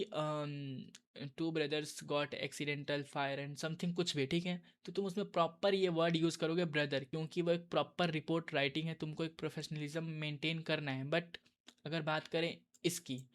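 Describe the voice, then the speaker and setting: A young man giving a casual exam-prep lesson, talking to his viewers like friends and calling them bro while he walks through questions. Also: fairly high pitch. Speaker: exam tutor.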